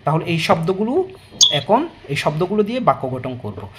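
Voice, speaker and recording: A man's voice: a little high, very animated, normal speed, heavy background noise. A man teaching an online language lesson, explaining patiently with fillers and restarts and often checking in with listeners. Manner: explanatory, repeats words, many fillers and restarts.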